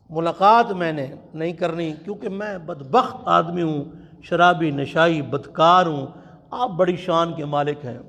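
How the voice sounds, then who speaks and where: A man preaching a sermon at a religious conference in a mosque, telling stories with passion and chanting quotations slowly. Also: high voice, fairly bright tone. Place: large mosque. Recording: long hall reverb.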